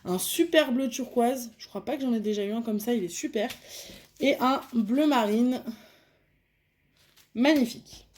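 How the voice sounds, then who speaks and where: A woman's voice: on the high side, a little slow, long pauses, a little mellow. A young woman chatting casually at her living room table as she unboxes and shows a diamond painting kit, thinking aloud as she counts and sorts.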